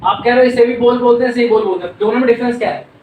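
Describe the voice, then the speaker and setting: Indian male teacher, high voice, animated and full of questions, echoey classroom. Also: very fast, distant mic, phone-quality sound, slight background noise. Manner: animated, drills words and asks students questions. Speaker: English teacher. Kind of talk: classroom teaching, mixing Hindi and English.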